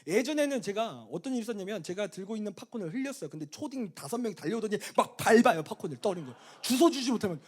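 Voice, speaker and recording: Male youth pastor, high voice with wide swings, comic storytelling sermon. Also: very fast, hardly any pauses. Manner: animated comic storytelling, swinging from loud exclamations to low asides.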